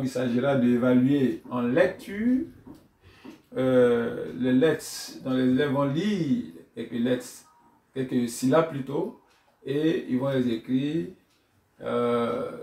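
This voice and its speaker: Slow, deliberate male teacher trainer. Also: medium pitch, vocal fry, dark tone. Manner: deliberate, demonstrates syllables by chanting them aloud. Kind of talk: instructional tutorial for teachers. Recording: echoey room, voice from far off.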